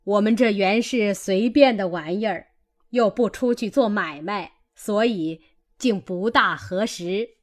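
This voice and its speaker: A woman's voice: mid-range voice, a little slow, close to an everyday voice. A woman voicing an elderly, genial matriarch who commands her household in a classic novel reading. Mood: genial, indulgent.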